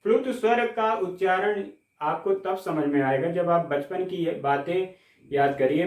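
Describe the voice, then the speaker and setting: A man teaching a Hindi grammar class, explaining step by step, checking with the class, and stretching out sounds slowly to demonstrate them. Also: high voice, distant mic. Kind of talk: classroom lecture. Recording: echoey room, mic set back.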